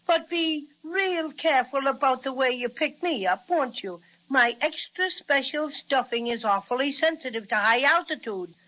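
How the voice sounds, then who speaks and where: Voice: high-pitched, animated, normal speed, few pauses, pushed and bright. An actor playing a small, cautious, friendly stuffed bear, fussy and polite, in an old children's radio serial. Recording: dull, band-limited vintage radio recording.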